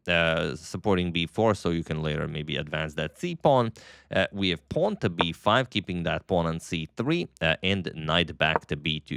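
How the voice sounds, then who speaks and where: A man doing move-by-move chess commentary in a hesitant delivery full of drawn-out uhs. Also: sits low, a bit bright, smooth, no room sound, studio quality.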